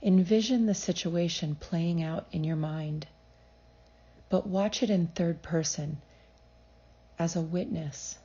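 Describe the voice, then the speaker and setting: A psychologist leads a scripted guided meditation, her lowish voice carrying a breathy edge. She speaks in a soothing, measured, gently instructive way, and the audio sounds dull.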